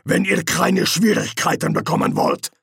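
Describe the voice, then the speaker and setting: A man voicing a gruff, suspicious foreign guard captain in an audiobook, slow and commanding. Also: sits high, wildly swooping pitch, fairly bright tone, no echo, clean studio sound, pitched above the performer's own voice, heavily acted. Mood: menacing. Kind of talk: audiobook character voice.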